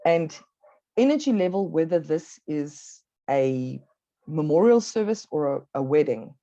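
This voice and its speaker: A South African woman presents a workshop in a low, mellow voice, measured and instructive, leaning on key words. The sound is dry and close. The audio is dull and lo-fi, like an online talk. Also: no room sound.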